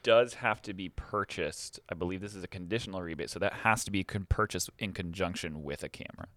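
A man's voice: low-pitched, brisk, a bit bright, no room sound. A man co-hosting a casual show, upbeat and salesy as he walks through prices and rebates. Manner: upbeat, salesy, laughs often. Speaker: co-host. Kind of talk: casual chat reading out sale deals.

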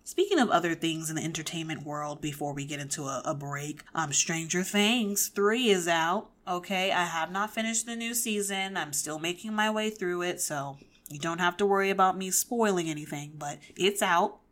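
Woman, 20s, podcast host, slightly low voice, casual commentary, animated, opinionated, restarts often. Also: normal speed. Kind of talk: casual pop-culture commentary.

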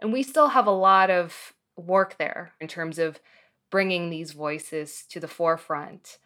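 A woman's voice: on the low side, unhurried, bright, forceful tone. A woman from Morocco who teaches film students, speaking thoughtfully in a radio interview.

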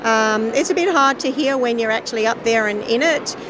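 A woman with a croaky voice, answering casually in an interview as a chorus director and singer. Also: a little high, a little fast. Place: busy convention venue. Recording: noisy location recording, busy venue ambience.

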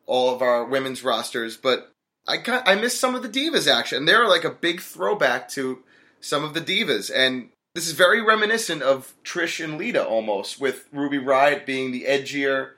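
Bright-toned man on a podcast panel. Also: mid-range voice, lively intonation, moderate pace. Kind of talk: casual podcast chat.

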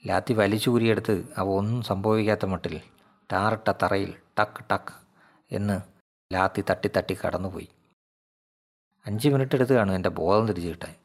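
Picture a frightened, grieving woman who speaks haltingly, each sentence pushed out with effort, as a male narrator puts her on. The tone stays fairly low and plain. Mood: shaken. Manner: halting, shaken testimony. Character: grieving middle-aged woman, a frightened sex worker.

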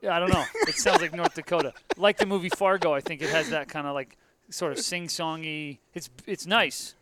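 A man's voice: on the high side, a little fast, a bit bright, a little hiss or hum. An American man hosting a podcast interview in a casual, wry and rambling conversational style. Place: basement room of a convention center.

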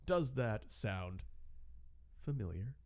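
A man's voice: lowish voice, animated, slow pace, darkish tone. A man in his thirties co-hosting a casual chat, telling a story with frequent laughs and putting on voices for the people he quotes. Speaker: podcast co-host telling a wrestling story.

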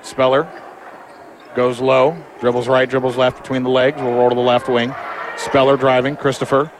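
A man commentates live on a basketball game, play by play. His voice sits at an average male pitch. The noise of the gym, with a bouncing ball, is clearly heard behind him. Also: completely flat delivery, normal speed.

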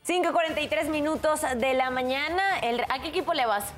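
A woman's voice: high voice, a little fast, faint music behind. A woman presenting the news as a co-anchor. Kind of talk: news reading with some casual banter.

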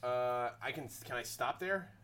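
A man's voice: medium pitch, unhurried, a bit bright, a little hiss or hum. A man chatting casually as a player in a tabletop role-playing game.

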